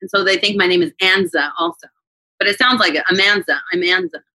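A woman's voice: mid-range voice, quick pace, pushed and bright, no room sound, poor audio. A woman in her forties, a podcast guest chatting candidly and laughing often. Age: 40s. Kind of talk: casual interview chat.

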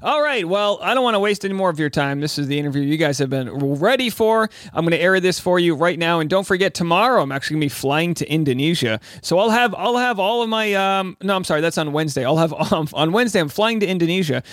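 A man's voice: a little high, expressive, fast talker, hardly any pauses, fairly bright tone, dry recording, studio quality. A man hosting a podcast, giving casual, chatty entertainment commentary in an informal way. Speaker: podcast host and stand-up comic.

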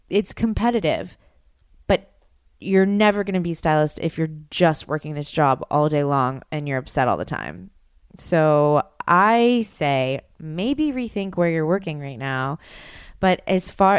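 A woman's voice: low-pitched, clear, resonant tone, dry recording, studio quality. A young adult woman hosting a podcast, chatting casually and bluntly in a slangy, conversational way. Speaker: podcast host. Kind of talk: casual solo podcast chat with ad reads.

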